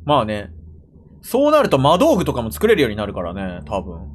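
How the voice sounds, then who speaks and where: A man's voice: mid-range voice, huge pitch swings, fairly quick, a little hiss or hum. A young man from Japan giving casual reaction commentary while watching, muttering to himself with frequent exclamations, recorded at home on a desk mic. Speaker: anime reaction streamer. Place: room at home, seated in a gaming chair.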